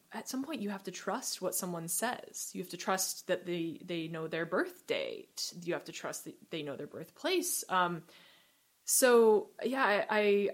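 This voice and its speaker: Reflective woman podcast host from Morocco. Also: on the low side. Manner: reflective, repeats words when starting. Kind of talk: podcast interview.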